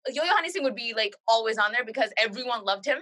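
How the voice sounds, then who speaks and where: A woman's voice: on the high side, lively intonation, fast talker, sharp tone, low-quality recording. A young woman from India co-hosting a casual podcast, teasing her co-host with sarcastic comebacks.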